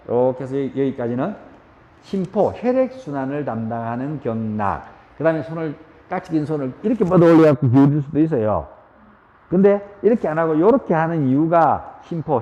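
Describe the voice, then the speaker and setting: A man with a Gyeongsang Korean accent teaching a yoga class, asking questions and acting out shouts. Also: a little high, highs cut off. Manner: lively, asks the class questions, acts out shouts. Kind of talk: spoken yoga lecture. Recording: roomy hall echo.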